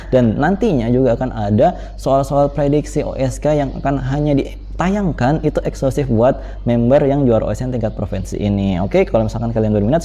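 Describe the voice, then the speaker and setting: A man, explaining olympiad math problems step by step as a tutor, in a brisk manner with frequent fillers. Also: medium pitch, dark tone. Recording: dull lo-fi voice recording.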